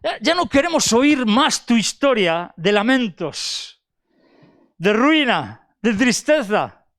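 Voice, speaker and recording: An older man preaching a sermon, asking rhetorical questions and repeating phrases, moving between raised and hushed delivery. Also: very high voice, sing-song, takes it slowly, no echo, clean studio sound.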